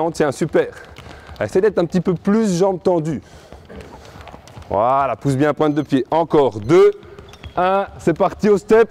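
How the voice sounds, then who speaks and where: Coach sportif à voix haut perchée, qui compte. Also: male voice, fairly high pitch, darkish tone. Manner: encouraging, counting down reps and seconds. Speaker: youth fitness coach. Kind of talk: live workout coaching instructions.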